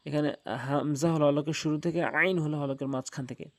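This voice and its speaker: Male Quran tutor, a little high-pitched, dry close sound, stretched emphatic letter drills. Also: fairly even intonation, no echo. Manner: drawn-out, emphatic letter names repeated for drill. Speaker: Quran recitation teacher. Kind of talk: lesson on Arabic letter pronunciation.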